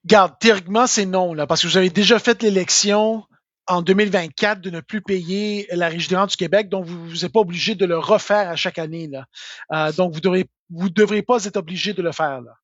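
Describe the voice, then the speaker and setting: Québécois man with a high voice. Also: a little fast, fairly bright tone, no room sound, highs cut off. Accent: Québécois French. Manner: informal, full of filler words and tag "là". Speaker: tax software expert answering questions. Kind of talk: live Q&A.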